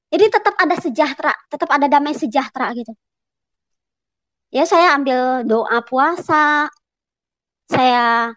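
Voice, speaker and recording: A woman in her thirties speaks in a high voice, sharing a personal testimony with a congregation. She tells her story earnestly and emotionally, full of casual fillers. Her voice sounds dry and close. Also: fairly bright tone, no echo. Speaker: churchgoer giving a testimony.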